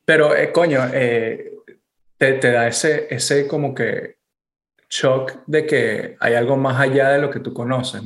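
A man from Venezuela with a Venezuelan accent, co-hosting a casual chat and telling stories with animated, casual swearing. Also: medium pitch, reverberant. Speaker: podcast co-host.

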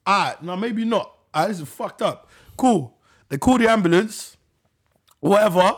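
Animated, high-pitched London man, slightly husky. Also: normal speed. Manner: heavy slang and swearing, animated joking. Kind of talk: casual banter and storytelling.

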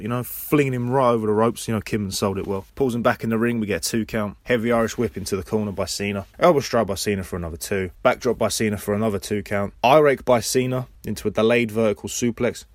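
Low-voiced man rambling through a wrestling recap. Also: no room sound. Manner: rambling play-by-play with personal asides. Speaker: podcast host. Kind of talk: casual wrestling episode recap.

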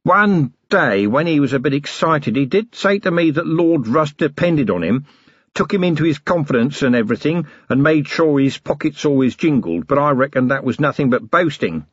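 Man doing an eager, dim-witted male prisoner for an audiobook; lively pitch, husky edge. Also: moderate pace, no echo, highs cut off. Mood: eager, deferential. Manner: eager, rambling, repeatedly says sir. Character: dim, deferential working-class male prisoner.

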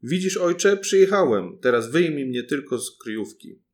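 A man's voice: medium pitch, sing-song, normal speed, close to an everyday voice. A man voicing a tiny, clever peasant boy who calls out eagerly and boldly in a storybook reading.

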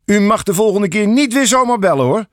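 A man's voice: high voice, animated, a little fast, no echo, clean studio sound, pitched above the performer's own voice. A man voicing a stern, impatient police officer who scolds condescendingly in an audiobook story. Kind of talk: audiobook fairy tale reading.

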